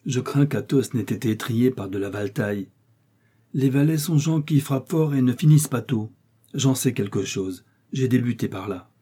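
A man's voice: mid-range voice, expressive, normal speed, mellow, husky. A man voicing D'Artagnan, a bold, teasing young male musketeer, in a read French novel. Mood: assured.

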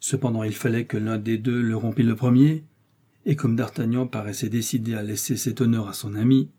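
A man narrating a classic novel as an audiobook, in an even, measured reading. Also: mid-range voice, breathy edge. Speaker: audiobook reader. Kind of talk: scripted narration.

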